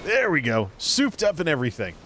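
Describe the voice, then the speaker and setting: A man's voice: fairly high pitch, huge pitch swings, fairly quick, sharp tone, slight background noise. A man giving casual gameplay commentary, rambling and thinking aloud as a video creator.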